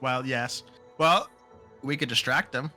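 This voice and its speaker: A man chats as a player in a tabletop game. His mid-range voice is bright and sharp, with halting starts, and music plays faintly behind it. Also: mid-range voice. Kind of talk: casual in-game chat. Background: background music.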